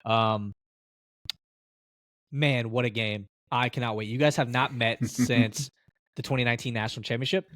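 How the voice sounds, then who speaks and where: A man's voice: medium pitch, steady tone, moderate pace, fairly bright tone, no room sound, studio quality. A man co-hosting a sports podcast, talking in a chatty, storytelling way and laughing easily. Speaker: podcast co-host. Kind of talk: casual sports chat.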